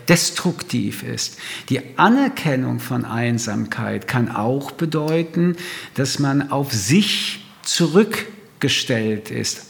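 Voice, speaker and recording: A man speaking as a guest in a reflective, philosophical conversation, measured and thoughtful, often pausing with small hesitations. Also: medium pitch, gravelly.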